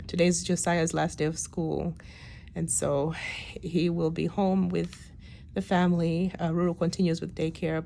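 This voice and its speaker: A woman's voice: lowish voice, gravelly, dark tone. A woman in her late thirties giving a casual, reflective video diary, sounding weak and tired after surgery, with hesitant, trailing phrases. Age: late 30s. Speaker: patient giving a personal health update. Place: hospital room. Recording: noticeable background room noise.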